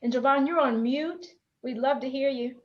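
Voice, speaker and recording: A woman with a fairly high voice moderates an online panel, talking in a friendly, direct way. The audio is dull and lo-fi, like a video call. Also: moderate pace.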